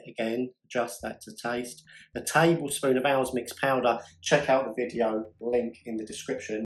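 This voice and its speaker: A man hosting his own cooking show, chatty and enthusiastic as he talks through a curry recipe. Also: mid-range voice. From United Kingdom. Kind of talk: casual cooking demonstration. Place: home kitchen. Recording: echoey kitchen with faint music.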